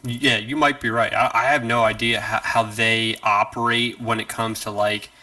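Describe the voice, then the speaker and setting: Man, casual podcast chat, rambling storyteller, bright tone. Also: on the low side, moderate pace, dry recording. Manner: rambling storyteller with animated quoted voices. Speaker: podcast co-host. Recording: distant from the mic, dry sound.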